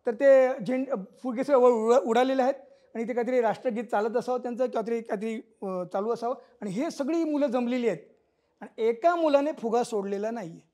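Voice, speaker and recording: A man's voice: very high-pitched, fairly quick, mellow. A middle-aged man, a cartoonist giving an explanatory illustrated talk on wordless cartoons, now and then acting out the characters' lines. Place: auditorium stage.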